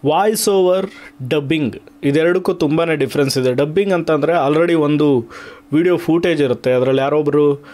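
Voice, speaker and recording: With a warm, slightly high voice, a man hosts an explanatory YouTube vlog at a moderate pace. He addresses viewers directly, mixes English terms into his talk and runs through lists with emphasis.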